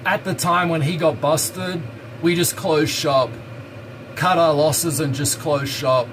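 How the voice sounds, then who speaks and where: A man's voice: a little high, steady tone, takes it slowly, fairly bright tone, slight background noise, low-quality recording. A man from Hong Kong who grew up in Australia, chatting casually and rambling as he cooks and answers viewer questions in a home kitchen. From Hong Kong, raised in Australia. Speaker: live streamer. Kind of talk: casual chat while cooking. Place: home kitchen by a hot stove.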